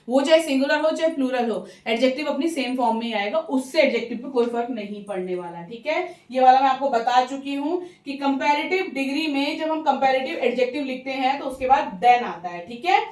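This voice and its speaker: A woman with an Indian accent teaching English grammar step by step, patient and explanatory, often checking in with the listener and slowing down to spell out example words. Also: sits high. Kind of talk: bilingual grammar lesson. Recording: roomy, mic some distance away.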